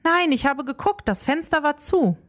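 A woman's voice: high voice, normal speed, voice pushed up. A woman voicing Leonie, a curious young schoolgirl who is easily startled, in a storybook reading. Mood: upset. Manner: excited, questioning.

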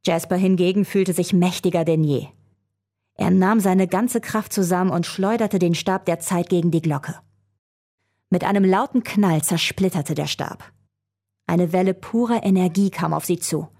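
A woman reading a children's adventure story aloud, telling it in a calm, even way. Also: on the low side, normal speed.

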